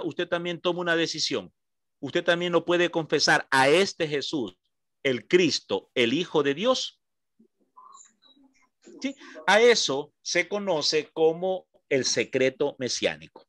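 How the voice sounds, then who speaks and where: This is an Ecuadorian man leading a Bible study, his voice sitting a little higher than most men's. He explains step by step, goes back over his main points, and keeps asking the room whether they follow. The sound is close and dry, with no room echo. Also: a bit bright. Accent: Ecuadorian Spanish. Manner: explanatory, checks understanding with short questions; repeats points slowly for emphasis. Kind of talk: teaching a Bible class.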